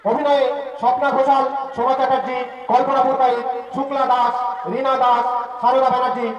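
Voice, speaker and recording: A man's voice: very high voice, flat delivery, fairly quick, highs cut off. A man giving a scripted, theatrical announcement to open a stage play. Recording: echoey, distant microphone.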